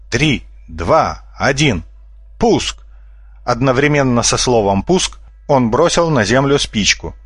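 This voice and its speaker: A man reading a humorous children's storybook aloud as narrator in an even, storytelling manner. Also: on the low side, no room sound. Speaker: audiobook narrator. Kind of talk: scripted narration.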